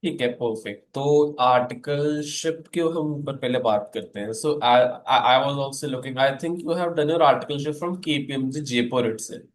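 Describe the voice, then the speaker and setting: A young man with an Indian accent and a mid-pitched voice. He hosts an interview podcast casually, talking very fast and slipping between two languages. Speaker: podcast host.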